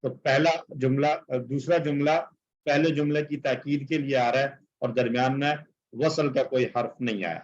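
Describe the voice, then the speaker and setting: Man, teacher, explanatory lecture, mid-pitched voice, many fillers, dull lo-fi online class audio. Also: fairly even intonation. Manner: frequent filler phrases while explaining; recites Arabic verses, then translates them.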